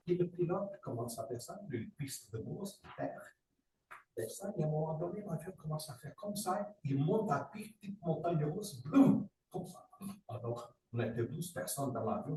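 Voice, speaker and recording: A man from Angola telling a personal story in a group meeting, vivid and animated, with sound effects and sudden jumps in pitch. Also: normal speed. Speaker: participant sharing a story. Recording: roomy, distant, faint noise.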